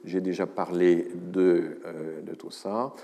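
A man's voice: low voice, fairly even intonation, slow, warm tone, big-room sound. A man giving a university lecture, hesitant, with many fillers, restarts and wry asides. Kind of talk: academic lecture.

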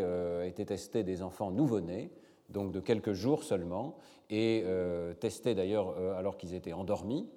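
A man's voice: fairly low pitch, dark tone. Hesitant man lecturing in a hall. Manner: measured, many hesitations. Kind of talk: academic lecture with slides.

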